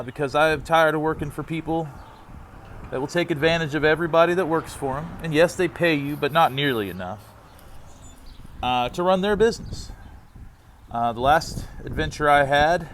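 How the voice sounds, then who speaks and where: An exasperated man delivering a candid, halting, rambling personal monologue as he vents. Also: on the high side, fairly bright tone. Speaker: vlogger on a long-distance walk. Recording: noisy outdoors with vehicle sounds.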